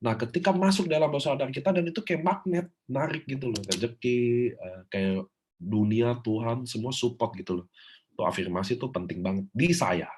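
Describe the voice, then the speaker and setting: Husky man giving a motivational talk. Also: mid-range voice, normal speed. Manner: preachy, animated, shouts example affirmations. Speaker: business trainer.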